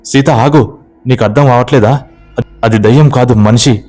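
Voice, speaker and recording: A man voicing a stubborn young village husband who shouts and demands answers in a horror story. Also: lowish voice, normal speed, faint music behind, close to an everyday voice. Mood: shouting, demanding.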